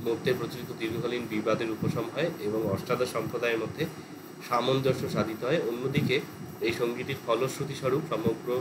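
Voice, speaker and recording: A male teacher with a West Bengal Bengali accent, lecturing in a class and explaining terms at length with English words mixed in. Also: medium pitch. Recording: air conditioner hum behind.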